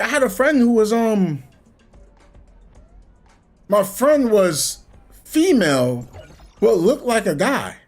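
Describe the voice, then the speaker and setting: A man streaming a game, telling a long rambling story in casual chat and acting out the people in it. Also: high-pitched. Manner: rambling, animated storytelling with voiced quotes. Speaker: gaming streamer. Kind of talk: casual chat while gaming.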